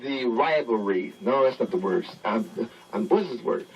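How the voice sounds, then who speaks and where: A man speaking haltingly and searching for his words, heard as a broadcast picked up on an old tube receiver. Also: medium pitch, lively intonation, breathy edge. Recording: muffled radio from a speaker, off-mic.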